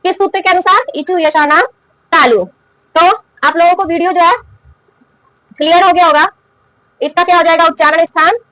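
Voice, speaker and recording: High, bright-voiced woman teaching grammar. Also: no echo, rough recording. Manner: asks questions and answers them herself, repeating key terms; coughs now and then. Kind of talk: classroom lesson explaining and drilling.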